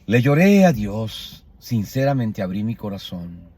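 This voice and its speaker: Low husky guy preaching, soft and emotional storytelling. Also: sing-song, measured pace. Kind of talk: sermon with personal testimony.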